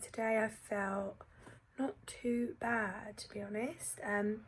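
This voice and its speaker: A woman's voice: medium pitch, flat delivery, takes it slowly, slight background noise. A woman vlogger giving a casual video diary, talking carefully and subdued with a thick voice from a sore, swollen throat after tonsil surgery.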